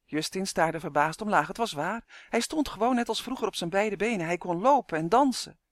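A male narrator reading a children's story in a clear, even manner. His voice sits fairly high for a man, and the recording is close and dry with no room sound. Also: a little fast, dry recording. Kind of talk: audiobook narration.

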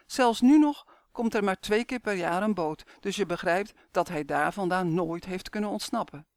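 A man's voice: sits high, moderate pace, no room sound. A man reading the lines of a patient mother who explains history to her children. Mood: explaining.

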